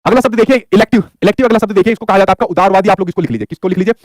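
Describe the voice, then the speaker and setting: A man's voice: sits high, no echo, clean studio sound. A man teaching an exam-prep lesson, asking questions and answering them himself. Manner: rapid, repeats his own questions back to the viewer.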